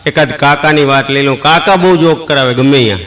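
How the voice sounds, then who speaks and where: Kathiyawadi comedian with a slightly high voice. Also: male voice, a little fast, a bit bright. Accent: Kathiyawadi Gujarati. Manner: folksy anecdotes acted out with quoted dialogue. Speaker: stand-up comedian. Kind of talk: stand-up comedy storytelling.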